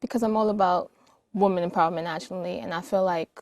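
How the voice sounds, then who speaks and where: A woman's voice: on the low side, fairly even intonation, quick pace, darkish tone, dry recording. Easygoing young woman guest. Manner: easygoing, laughs while answering. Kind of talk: casual interview answers.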